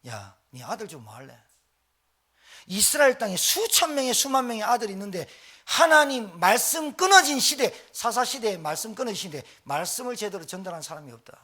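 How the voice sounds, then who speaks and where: A male pastor preaching a sermon in a church, talking fast with lively, exclamatory delivery. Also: high voice. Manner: fast-talking, admits speaking too quickly.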